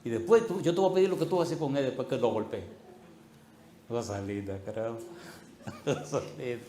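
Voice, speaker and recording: A male pastor preaching a sermon, telling an animated story and acting out the voices in it. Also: mid-range voice, brisk, a little hiss or hum. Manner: animated, acts out voices in anecdotes. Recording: echoey room.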